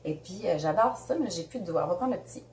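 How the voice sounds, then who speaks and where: A woman's voice: fairly low pitch, animated, quick pace, darkish tone, reverberant, a little hiss or hum. A woman with a Québécois French accent chatting casually and bubbly as she unboxes makeup for a beauty vlog, laughing often. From Canada. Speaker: beauty vlogger.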